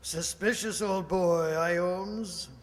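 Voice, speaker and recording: Radio mystery sidekick doctor played by a man: genial, plain-thinking, slow delivery, long reverb. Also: high-pitched, steady tone. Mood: puzzled. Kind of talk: radio play acting.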